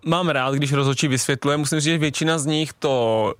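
A young man chats on a radio talk show about his football days, slipping into other voices as he retells arguments with referees. His voice sits fairly high. The studio sound is dry and close, with no room echo. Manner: animated storyteller, acts out referees' lines. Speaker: footballer and podcast co-host. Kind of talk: casual chat.

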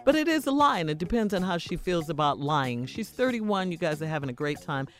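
A woman co-hosting a relationship advice talk segment, giving calm, reassuring counsel. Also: on the low side, brisk. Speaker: radio show co-host reading listener letters.

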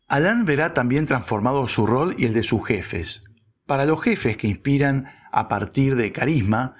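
A man reading a scripted opinion piece with wry, sarcastic asides. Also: medium pitch. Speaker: narrator.

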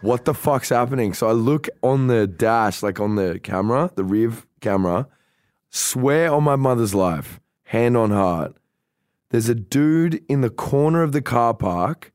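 Another podcast story comes from a man with an Australian accent, his medium-pitched voice smooth and unhurried in clean studio sound with no echo. Chatting casually as co-host, he stays animated, curses freely, and performs the quoted dialogue.

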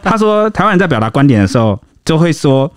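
A man's voice: a little high, very animated, fast, dry recording, studio quality. A man with a Taiwanese Mandarin accent co-hosting a podcast, explaining points casually and acting out quoted lines. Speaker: podcast co-host. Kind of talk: casual chat.

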